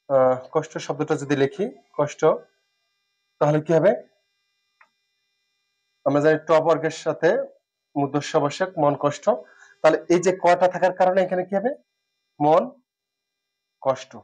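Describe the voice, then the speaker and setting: A man teaching spelling rules who speaks, repeats words, pauses with fillers and asks and answers his own questions. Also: on the high side, darkish tone. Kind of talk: classroom lesson.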